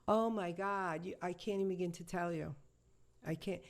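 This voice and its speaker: A woman, a shamanic healer, telling a personal story in an interview, halting and emotional, with many restarts and repetitions. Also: on the low side.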